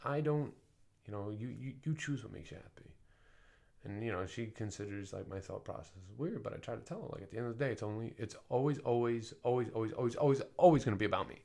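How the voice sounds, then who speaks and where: A man talking in a casual personal monologue as a podcast host, often swearing and full of fillers, dropping to soft mumbles and then rising to loud emphatic bursts. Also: medium pitch, animated, fast talker, gravelly. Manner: frequent swearing and filler talk.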